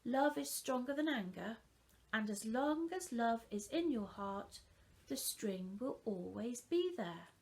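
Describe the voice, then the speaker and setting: A woman reading the part of a calm, loving mother who gently and patiently reassures her young children in a storybook. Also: fairly high pitch, slow pace. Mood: soothing.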